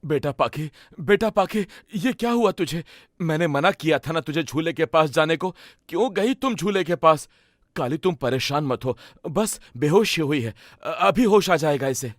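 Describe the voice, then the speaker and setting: Man doing a fretful dad pigeon, kinda high voice, dry studio sound. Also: expressive, normal speed, no room sound, natural voice. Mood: worried. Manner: anxious, scolding gently. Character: worried father pigeon, caring. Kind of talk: Hindi cartoon voice acting.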